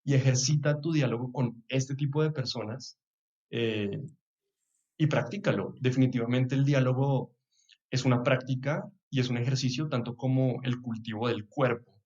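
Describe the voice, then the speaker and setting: A man's voice: mid-range voice, normal speed, highs cut off. A young man from Bogotá with a Bogotá Colombian accent, a podcast guest chatting in a reflective way and chuckling now and then. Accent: Bogotá Colombian Spanish. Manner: reflective, chuckles often, trails off with soft asides. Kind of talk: casual chat.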